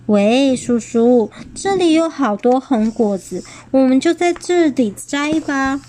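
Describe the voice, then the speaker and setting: A woman putting on a little dinosaur boy for a storybook, his voice pitched very high and childlike, trembling and stammering as tears come. He speaks slowly, each word drawn out. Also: expressive, dark tone, slight background noise. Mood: alarmed. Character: young dinosaur boy, frightened and tearful.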